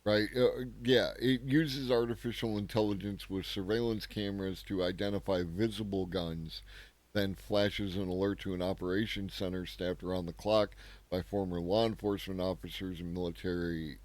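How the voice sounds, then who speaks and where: Deep-voiced man giving sarcastic commentary. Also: steady tone, moderate pace, darkish tone, dry recording. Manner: sarcastic, thinks aloud with frequent tag questions. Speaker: host of a daily news commentary show. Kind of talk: casual spoken commentary.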